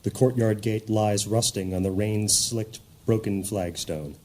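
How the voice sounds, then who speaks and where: A man's voice: fairly low pitch, steady tone, measured pace, darkish tone. A man narrating a scripted fantasy audio drama in a solemn, descriptive manner.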